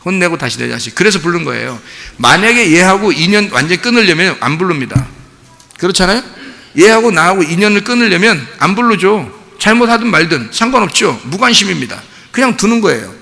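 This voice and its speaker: A male pastor preaching a sermon with animated delivery, often firing rhetorical questions at the congregation. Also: high-pitched, a little fast, vocal fry, big-room sound. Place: church sanctuary.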